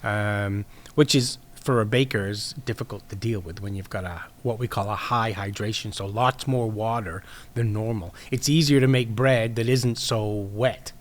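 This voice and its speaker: A man's voice: fairly low pitch, moderate pace. Podcast guest, man, easygoing explainer, fillers and restarts. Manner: rambling, explanatory, lots of fillers. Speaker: podcast guest, sourdough baker. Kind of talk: casual podcast chat.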